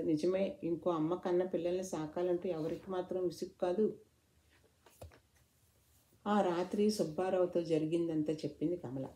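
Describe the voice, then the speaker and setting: A woman narrating a written story in a measured, even storytelling manner. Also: on the low side.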